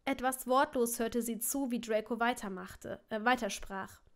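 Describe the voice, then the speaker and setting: A woman's voice: a little high, unhurried. A woman reading fanfiction aloud as narrator, with frequent slips, fillers and restarts. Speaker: fanfiction reader.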